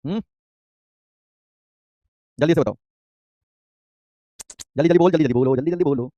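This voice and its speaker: A young man teaching an online chemistry class, rapidly repeating points and firing quick questions at students. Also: on the high side, mellow, no room sound, lo-fi sound.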